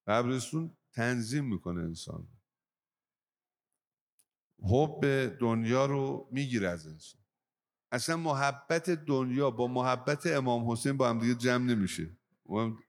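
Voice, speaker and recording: A man's voice: mid-range voice, lively intonation, pauses often. A man preaching a religious sermon who tells moral stories to his listeners and raises his voice on key points. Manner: emphatic, voice rising on key points.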